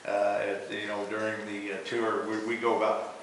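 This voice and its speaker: A man with an American accent guiding a tour in a halting way, searching for words as he talks in an echoing cave. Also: fairly low pitch, monotone, a bit bright. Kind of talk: guided tour talk. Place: inside a show cave. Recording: echoing cave, distant mic, faint noise.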